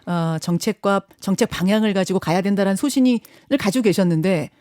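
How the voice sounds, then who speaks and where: A woman hosting a radio news interview, asking brisk questions and often backing up the guest with short replies. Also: medium pitch, mellow, no echo, clean studio sound.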